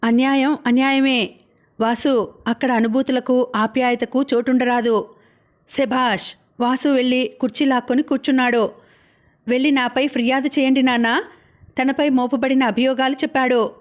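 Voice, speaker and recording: A woman's voice: high-pitched, fairly even intonation, normal speed. A woman narrating an audiobook of a novel, reading all the characters' lines in her own voice.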